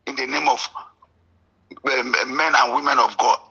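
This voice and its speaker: A man from Cameroon with a Cameroonian English accent, calling in to a radio show, impassioned and indignant, at times breaking into shouts. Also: mid-range voice, steady tone, unhurried, vocal fry, breathy edge, dull audio. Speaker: caller. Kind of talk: call-in radio talk.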